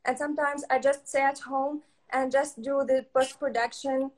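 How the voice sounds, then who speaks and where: A young woman from Tunisia speaks English with a Tunisian accent, her high voice hesitant and full of pauses and fillers. She answers questions as a guest in a live online interview. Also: flat delivery, slight background noise, rough recording. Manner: halting non-native English with many fillers. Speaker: guest photographer.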